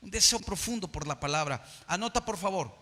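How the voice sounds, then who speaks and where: A man pastor with a Mexican Spanish accent, preaching an emphatic sermon that swings from soft to loud. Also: high-pitched, expressive, a little fast, long reverb tail. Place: church hall.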